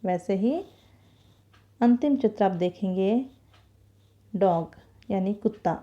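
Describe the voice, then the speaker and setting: Woman teacher, mellow voice, slow patient delivery, lo-fi recording. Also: medium pitch. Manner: patient, explains slowly with repetition, mixes in English words. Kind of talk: classroom lesson explanation.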